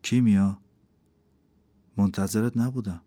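Stern cold mystic guy, low voice, scolding, as a male reader puts him on. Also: steady tone, warm tone, dry recording, natural voice. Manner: cold, reproachful. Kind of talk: audiobook character voice.

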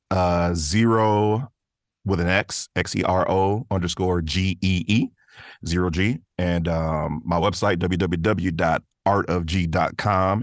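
In a dry, studio-quality recording, a man with a low-sitting voice chats as a podcast guest. He's a voice actor and artist whose answers are informal, slangy and rambling.

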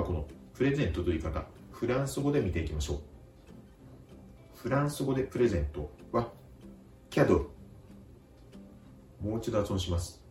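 A man teaching a vocabulary lesson, speaking calmly and slowly repeating each word with careful pronunciation. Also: on the low side, reverberant, distant mic. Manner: slow, careful pronunciation drills. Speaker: language teacher.

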